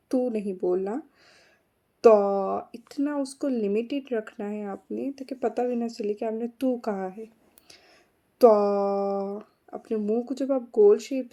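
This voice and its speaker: A woman teaching Arabic letter names in a patient, slow phonics lesson, repeating each letter and mixing in English words. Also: on the high side, creaky, mellow. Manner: mixes English words into explanation.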